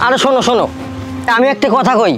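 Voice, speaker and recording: Man acting as a hot-headed young son, argumentative, very fast talk, faint outdoor noise. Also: very high-pitched, a bit bright. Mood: aggrieved. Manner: agitated, rapid, argumentative. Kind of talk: short film acting.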